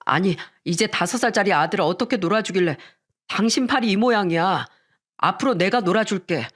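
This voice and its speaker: A woman voicing a worried young husband in a radio story reading, asking slow, concerned questions. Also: medium pitch, animated, lightly acted.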